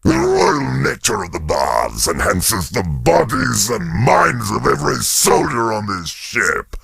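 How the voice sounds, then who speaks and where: A man playing a decadent, grandiose alien emperor in a video game, pompous and theatrical, with a raspy, gravelly voice. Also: fairly low pitch, sing-song, measured pace, a bit bright, no room sound, full character voice. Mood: indulgent, pleased.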